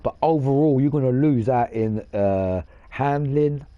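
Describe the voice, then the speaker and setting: A man's voice: mid-range voice, measured pace, no room sound, phone-quality sound. A man hosting a gaming channel, rambling in casual gameplay commentary, boastful and swearing casually.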